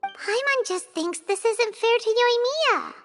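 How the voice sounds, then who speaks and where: A woman voicing a small, chirpy, excitable fairy-like girl companion in a video game, with a squeaky childlike voice and exclamatory delivery. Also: measured pace. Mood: eager, concerned. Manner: refers to self in third person, exclamatory. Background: playful music.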